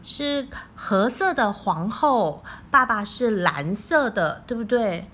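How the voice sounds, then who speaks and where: Bright, animated woman reading a picture book. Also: fairly high pitch, slow pace. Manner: animated, playful, asks the child questions. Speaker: parent reading to a child.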